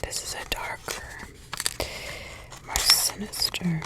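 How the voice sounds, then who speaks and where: A woman lightly acts the part of an ancient witch mother for ASMR, keeping to a soft whisper throughout. Her mood is musing as she ponders slowly and hums between thoughts.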